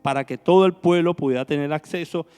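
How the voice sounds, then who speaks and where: A man's voice: a little high, fast, a little mellow, clean tone, long reverb tail. A man preaching a sermon as minister, asking the congregation rhetorical questions. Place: church hall.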